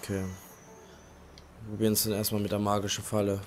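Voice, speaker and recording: A man's voice: lowish voice, monotone, normal speed, a little hiss or hum. A man hosting a let's play, giving casual, colloquial gameplay commentary with grumbling reactions. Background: game music.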